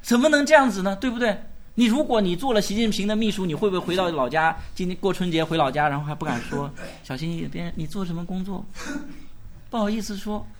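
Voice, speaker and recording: A pastor with a voice that sits high preaches at a quick pace, animated as he hurls rhetorical questions at the church gathering. He pushes the congregation to shout their answers.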